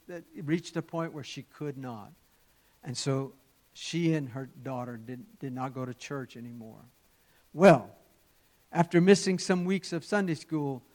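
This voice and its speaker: Guy preaching a story, slightly high voice, gets loud then real quiet, repeats himself. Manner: storytelling, rising and falling loudness, halting repeats. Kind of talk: sermon illustration story.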